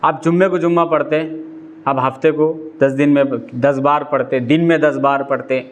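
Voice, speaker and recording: Male preacher, high voice, chatty and questioning delivery, teaching a religious talk. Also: steady tone, moderate pace. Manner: conversational, asks listeners rhetorical questions. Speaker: Islamic preacher.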